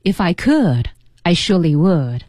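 Mellow-voiced woman co-hosting a lesson. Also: fairly low pitch, very animated, unhurried, dry recording. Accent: Mandarin Chinese. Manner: guides the segment, reads lines and sings along. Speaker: radio lesson co-host. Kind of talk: bilingual song lesson. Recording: dry studio radio mic.

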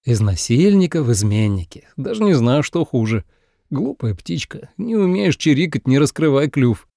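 A man's voice: medium pitch, big pitch swings, normal speed, gravelly, dark tone, no echo, studio quality. A man voicing a cocky, teasing young bridegroom in an audiobook, with a smug manner. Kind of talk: audiobook character voice.

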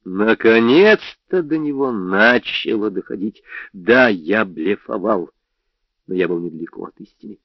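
Low-voiced man reading crime fiction. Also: expressive, a little slow, no room sound. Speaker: audiobook reader. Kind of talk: first-person crime novel narration. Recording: dry, slightly dull audio.

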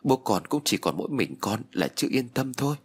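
Male narrator reading a sad middle-aged mother, soft-spoken and persuasive, husky voice. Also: medium pitch, sing-song, a little fast. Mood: sorrowful.

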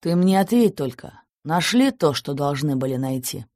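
A woman's voice: sits low, animated, normal speed, a little mellow, no echo, clean studio sound. A woman voicing a cheating middle-aged officer, cold and scheming, who speaks curtly and dismissively. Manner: curt, dismissive.

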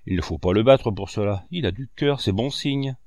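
A man's voice: on the low side, normal speed, darkish tone, no room sound, clean studio sound, natural voice. A man reading the lines of a stern but fair old male street showman, firm and businesslike. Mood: calm.

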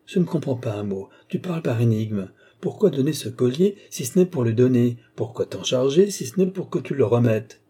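A man's voice: medium pitch, expressive, moderate pace, hardly any pauses, warm tone, husky. A man voicing a bewildered old baron who talks in a flustered, pleading way.

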